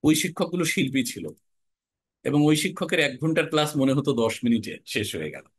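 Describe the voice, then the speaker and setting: A young man from Bangladesh teaching a class on recitation and speech, lively and animated, often dropping into regional dialect examples. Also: on the high side, fairly quick, husky, no echo. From Jhenaidah, Bangladesh. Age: young adult. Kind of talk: classroom lecture.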